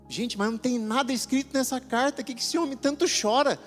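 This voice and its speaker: A woman's voice: high-pitched, quick pace, big-room sound, faint music behind, voice pushed up, natural voice. A male preacher voicing a caring female counselor who asks a crying man, in coaxing, rising questions, what is wrong. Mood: puzzled.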